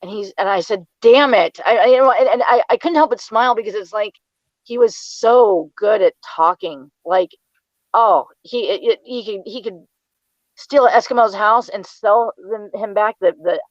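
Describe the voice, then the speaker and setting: A woman's voice: medium pitch, normal speed, no room sound, highs cut off. A woman, recounting memories as an interview guest, often stumbling and repeating her words. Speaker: interview guest, mother of the subject. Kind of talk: personal recollection in an interview.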